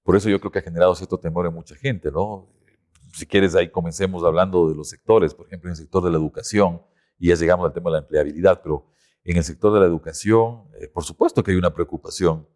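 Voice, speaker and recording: A man, a podcast guest explaining things in an animated, conversational way. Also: low voice, fast talker. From Ecuador. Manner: animated explainer, lifts his voice to act out quotes. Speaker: guest expert.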